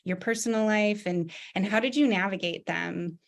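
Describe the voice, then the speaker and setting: A woman interviewer asking a guest a question in a soft, attentive way. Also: medium pitch, normal speed, creaky.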